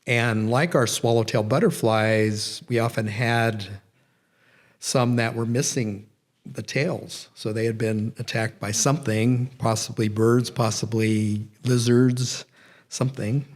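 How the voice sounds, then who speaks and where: A middle-aged man speaks as a guest lecturer at a public talk in a nature center event room, his mid-range voice steady and slow. He rambles, corrects himself and uses many fillers.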